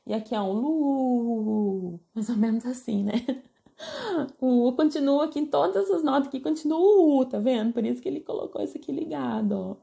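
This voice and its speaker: A woman's voice: high voice, expressive, brisk, vocal fry, warm tone. A woman with a Brazilian Portuguese accent teaching music theory from a book, explaining patiently and checking in often with her listeners. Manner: explains patiently, pointing at the page with many check-ins.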